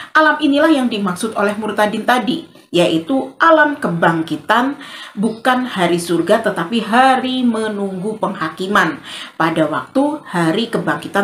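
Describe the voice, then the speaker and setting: A woman's voice: medium pitch, slight background noise. A woman hosting her channel, giving emphatic religious commentary straight to her viewers. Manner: addresses viewers directly, lively and emphatic. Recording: roomy sound with faint background music.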